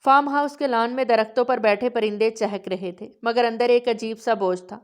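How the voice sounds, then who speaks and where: A woman reading a romance novel aloud in calm, even storytelling narration. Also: fairly high pitch.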